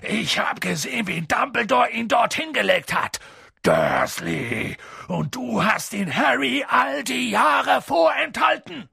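Narrator doing a big hot-tempered giant guy, booming and gruff, swings all over, gravelly. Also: sing-song, measured pace, a bit bright, no echo, clean studio sound, exaggerated voice. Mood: outraged. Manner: booming outbursts, gruff and indignant. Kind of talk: audiobook reading.

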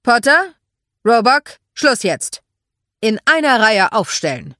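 A woman's voice: lowish voice, sing-song, slow pace, gravelly, no room sound, studio quality, heavily acted. Woman voicing Mark Darcy, a brusque commanding man. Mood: stern commanding. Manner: barking orders, clipped and loud.

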